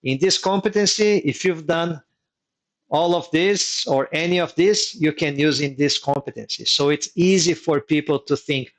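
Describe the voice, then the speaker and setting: This engineering migration mentor, whose first language is Portuguese, runs a live online workshop offering engineers advice. Speaking at normal speed in a voice a little above typical male pitch, he takes a methodical teaching approach and returns to his main points to reinforce them.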